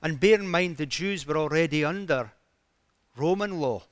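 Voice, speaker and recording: A man delivers a sermon in a fairly high voice, telling the story with dramatic, emphatic rises. The sound is dry and close, with no room echo. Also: normal speed. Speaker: preacher.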